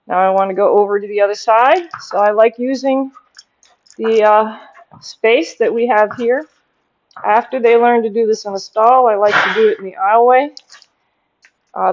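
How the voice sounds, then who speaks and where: Higher-pitched woman horse trainer, dull audio. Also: dry recording. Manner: explanatory, interspersing short praise and commands. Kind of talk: hands-on instructional demonstration with spoken commands to the horse. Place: horse barn aisle, later an outdoor riding ring.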